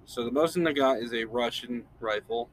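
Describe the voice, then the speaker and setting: A man's voice: medium pitch, fairly quick. A man hosting a podcast in casual chat, laid-back and rambling, chuckling often. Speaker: podcast host.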